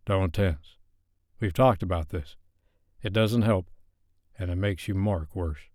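A steady, commanding man played by a male narrator speaks in a low, even voice. He never rushes, and each word sounds controlled and close to the mic. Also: dry recording. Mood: stern. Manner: low, firm and unhurried. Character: dominant calm man, firm and controlled. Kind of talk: audiobook character voice.

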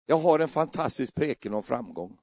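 Middle-aged man, gravelly dark-toned preacher, humorous, dry close sound. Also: mid-range voice, expressive, no room sound. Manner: humorous, acts out scenes with voices. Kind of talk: lively sermon.

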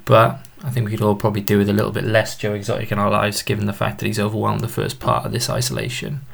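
A man with a Welsh accent hosting a casual podcast in a fairly monotone way. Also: lowish voice, fast. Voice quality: monotone, creaky. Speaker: podcast host.

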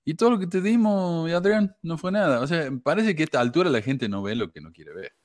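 Man, lively stream host, dry close sound. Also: a little high, fairly quick, no echo. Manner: lively, reads chat comments aloud. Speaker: host reading viewer comments. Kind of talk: casual livestream chat.

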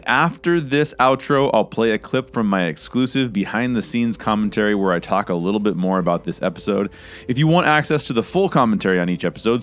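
A man who wrote the story reads it aloud as a steady, scripted audiobook narration, then talks casually as the show's host. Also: medium pitch. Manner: steady, even-paced storytelling; relaxed and chatty in the outro. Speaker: author and narrator of a serial audiobook podcast.

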